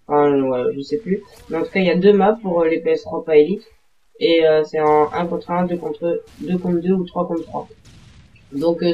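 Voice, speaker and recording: A man giving casual gameplay commentary as a voice-over, rambling hesitantly with many fillers and self-corrections. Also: on the high side. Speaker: gaming video maker. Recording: dull lo-fi home recording.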